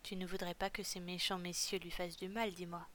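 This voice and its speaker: Storybook villain: a cold, cruel male captor chief, low and flat-toned, as a woman narrator puts him on. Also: brisk, a little hiss or hum, natural voice. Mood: cold menace. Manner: cold, menacing.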